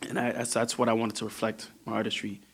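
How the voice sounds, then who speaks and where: A male singer from New York talking as a podcast guest. He speaks thoughtfully in a relaxed, conversational way, often breaking off mid-sentence and starting his thought over. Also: on the low side, fast talker, breathy edge. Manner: reflective, restarts often. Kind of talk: casual interview talk.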